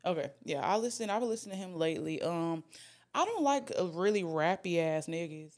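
A young woman hosts a podcast in loose, profane casual chat and laughs often. Her voice sits a bit low for a woman. Her pitch swings widely as she tells her stories. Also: a little fast. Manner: animated, swearing, laughs a lot. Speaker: podcast host.

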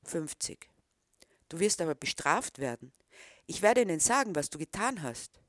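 A woman's voice: fairly low pitch, big pitch swings, normal speed, no echo, clean studio sound. A woman reading the part of a disapproving middle-aged man who questions a boy. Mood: stern.

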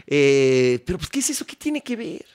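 A middle-aged man with a Mexican Spanish accent, chatting casually about football as a co-host, talking in an animated, exclamatory way. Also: moderate pace. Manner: animated, exclamatory, pitch jumping up in indignation. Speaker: sports talk co-host.

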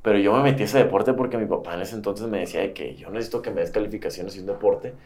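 A young man from Mexico with a northern Mexican accent chats casually as a podcast guest. He's relaxed and laughs easily, and his lowish voice races along.

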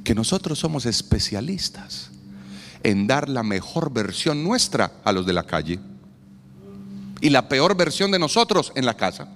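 A man preaching a sermon as a pastor, with a playful, animated delivery that acts out quoted voices. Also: mid-range voice, measured pace. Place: church hall. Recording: long reverb in a church hall, faint noise.

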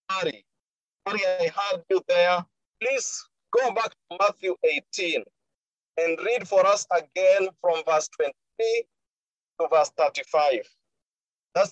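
A man's voice: high voice, a bit bright, no room sound. A man preaching a sermon in an emphatic way, repeating his key phrases. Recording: dull lo-fi recording.

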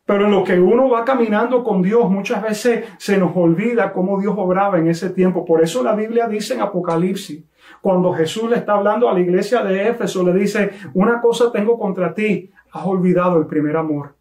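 A man preaching a sermon, telling a story with emphatic, slowly stressed phrases. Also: sits high, a little mellow, roomy sound. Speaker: pastor.

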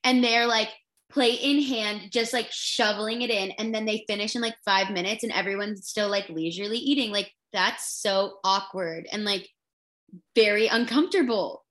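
A woman's voice: medium pitch, a bit bright. A young woman co-hosting a casual chat podcast, laughing a lot and filling her speech with "like". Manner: laughing, filler-heavy, quick agreeing. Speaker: podcast co-host.

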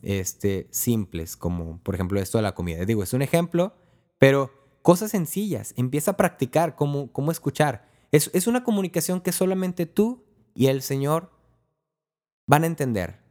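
A man giving a casual spiritual talk, speaking in a relaxed, conversational way and acting out small prayers and dialogues. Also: medium pitch, normal speed.

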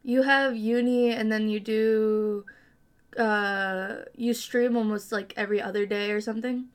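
A woman hosts a casual podcast chat, asking curious questions in a chatty manner peppered with "like". Her voice is fairly high, smooth and steady, and she speaks a little slowly.

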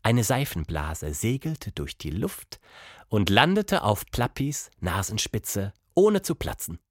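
A man narrating a children's story with an expressive reading manner. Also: lowish voice, slow pace, no echo, studio quality.

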